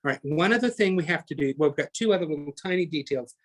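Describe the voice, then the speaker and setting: A man's voice: fairly high pitch, lively intonation, quick pace. A man teaching a live online painting class, chatty and talking through each step as he works, often correcting himself mid-sentence. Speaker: painting instructor.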